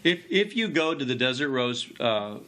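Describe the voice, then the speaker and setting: A man's voice: medium pitch, very animated, normal speed, pushed and bright. A man speaking as a musician guest in a casual radio interview, with brief, slightly hesitant answers.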